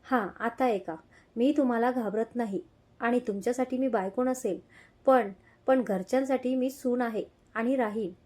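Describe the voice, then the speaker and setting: A woman's voice: fairly high pitch, moderate pace, darkish tone, lightly acted. A woman voicing a determined young wife who speaks firmly and directly in a read-aloud story. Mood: defiant. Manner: firm, direct. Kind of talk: audio story reading.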